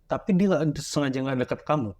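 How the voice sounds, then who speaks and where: A man hosting a casual podcast, prodding his guest with quick questions and short reactions. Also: fairly high pitch, a little mellow. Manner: eager prompting interviewer, short reactions. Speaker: podcast host.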